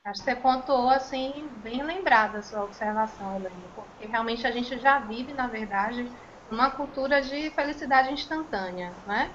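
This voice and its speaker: A woman with a Brazilian Portuguese accent, a child and speech therapist, explaining on a panel in a measured way with frequent tag questions. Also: fairly high pitch, crowd noise. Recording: muffled, slightly noisy recording.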